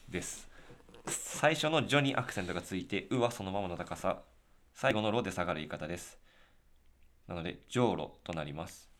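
A young man co-hosting a casual podcast chat, relaxed and sometimes reading posts aloud. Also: low voice, a little fast, long pauses. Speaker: podcast co-host, band member.

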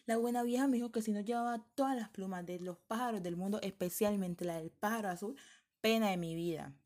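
A woman's voice: medium pitch, brisk, darkish tone, pitched above the performer's own voice, close to an everyday voice. A woman voicing a poor, frightened young girl who pleads in tears, in a read-aloud folktale. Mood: tearful. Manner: pleading, tearful.

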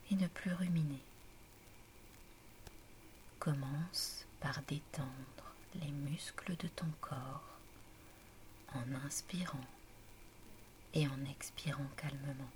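A woman's voice: sits low, slight background noise. Serene whispering grandmother guide, as a woman puts her on. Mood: soothing. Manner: slow soothing guided instructions. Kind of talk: whispered role-play.

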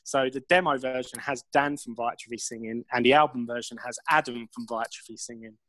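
A man's voice: medium pitch, steady tone, fairly quick, a bit bright, poor audio. A man, a musician guest telling rambling, laugh-filled stories and swearing freely. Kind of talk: casual storytelling interview.

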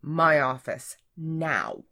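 A stern, haughty female office manager, put on by a woman narrating a story. She speaks in a low, clipped, scolding tone, laying down the rules. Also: lively intonation, measured pace, exaggerated voice.

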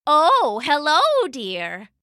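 A woman's voice: sits high, very animated, very slow, pushed and bright, dry recording, clean studio sound, voice pushed up, full character voice. A woman voicing a jealous goddess who poses as an old woman, haughty and indignant. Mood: sweet then scolding.

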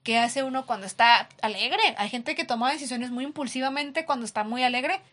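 A woman's voice: sits high, fairly quick, fairly bright tone. A woman with a Mexican accent, talking casually in a podcast chat and acting out little example dialogues as she explains.

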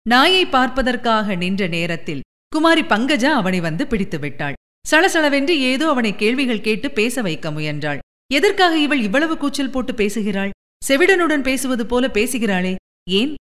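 Woman narrator, audiobook story, high lively voice, dramatic reading, long hall reverb. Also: moderate pace.

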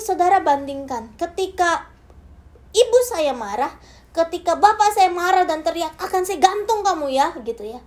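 High-voiced woman preaching a sermon. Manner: addresses the congregation directly, swinging from soft and hushed to loud and emphatic. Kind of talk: sermon with a personal testimony.

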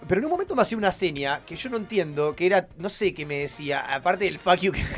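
A young man with an Argentine accent, loud and excitable, hosting a casual chat and slipping into mock sports commentary. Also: high-pitched, fast, soft background music. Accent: Argentine Spanish.

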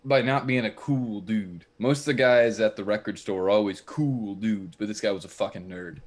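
Low-voiced man rambling through a joke bio. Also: fairly even intonation, moderate pace. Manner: mock-boastful rambling storyteller. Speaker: podcast co-host. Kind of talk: casual podcast chat.

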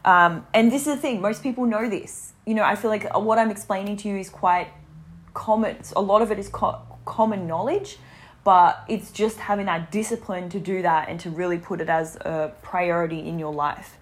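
A woman's voice: mid-range voice, normal speed. A woman in her twenties talking casually to camera about health, chatty and full of fillers. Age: 20s. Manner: chatty, many fillers and restarts. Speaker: vlogger.

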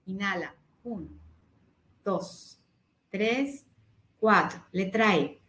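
A woman leading a voice workshop, calmly counting breaths and explaining exercises. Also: mid-range voice, extremely slow, roomy sound. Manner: instructive, counting breaths aloud. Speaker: voice coach. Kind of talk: guided voice workshop.

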